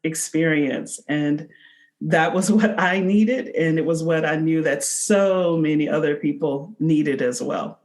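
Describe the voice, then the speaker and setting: Her low, darkish voice unfolds without hurry as she takes interview questions on a podcast. She's a company founder in her forties, explaining things sincerely and conversationally.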